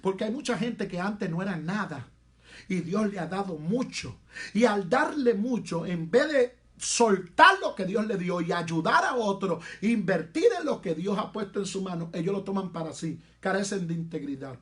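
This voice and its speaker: A man with a Dominican accent preaching a sermon as pastor, emphatic, repeating phrases and slowing down to stress words. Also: sits high, expressive, fairly bright tone. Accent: Dominican Spanish. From Dominican Republic.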